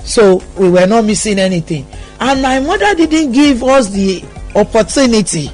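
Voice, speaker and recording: A middle-aged woman from Lagos, Nigeria, with a Nigerian accent, shares personal stories as a guest on a radio interview. She is emphatic, with a fairly high, sing-song, somewhat mellow voice at normal speed, and soft music plays behind her.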